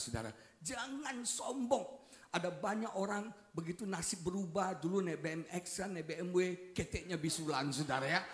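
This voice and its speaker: A man preaching a revival sermon as pastor, telling stories with jokes and calling out to his listeners. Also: fairly high pitch. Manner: animated storytelling, joking, often addresses listeners as "saudara". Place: church hall. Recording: echoey church hall.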